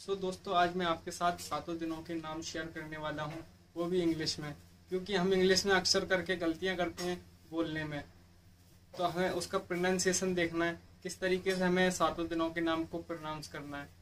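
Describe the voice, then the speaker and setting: A man's voice: fairly high pitch, little pitch movement, fairly quick, a bit bright, a little hiss or hum. A man hosting a casual online English lesson, explaining in a plain, repetitive way. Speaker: English teacher, channel host.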